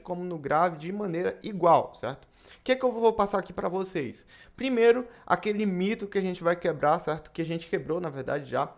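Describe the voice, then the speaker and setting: Brazilian man teaching saxophone. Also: on the high side. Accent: Brazilian Portuguese. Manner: casual, tag questions after phrases. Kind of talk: instructional video lesson.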